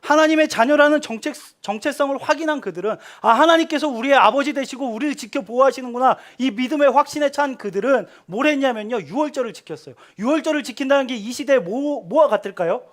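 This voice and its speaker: High-voiced man preaching to teens. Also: fast talker, few pauses. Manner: animated storytelling, drops to a hushed tender voice. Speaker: pastor. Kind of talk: sermon to teenagers.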